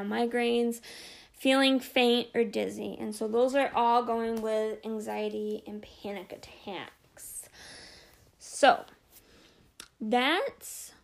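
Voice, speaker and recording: A woman's voice: fairly high pitch, gravelly. A young adult woman hosting a podcast alone, talking casually and openly with many fillers like "you know" and "like.". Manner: open and personal. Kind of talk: casual solo talk.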